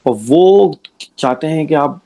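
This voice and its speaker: Gravelly-voiced man making an argument. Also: fairly high pitch, slow pace, dark tone. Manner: argumentative, rhetorical questions, frequent check-in tags. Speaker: commentator. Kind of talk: explanatory commentary monologue.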